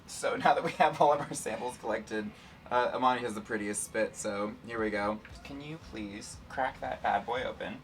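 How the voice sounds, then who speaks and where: A man's voice: medium pitch, normal speed, recorded from a distance. A man hosting a playful, casual science lesson and talking through an experiment. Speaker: science show host and demonstrator.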